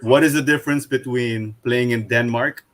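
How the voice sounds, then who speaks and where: A man's voice: mid-range voice, steady tone, normal speed. A man co-hosting a casual interview, asking long, chatty questions. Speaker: podcast co-host.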